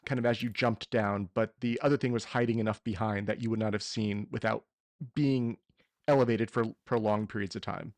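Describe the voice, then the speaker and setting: A man's voice: fairly low pitch, fairly even intonation, a little fast, darkish tone, no room sound. A man running a tabletop roleplaying game as game master, explaining rules and narrating what happens.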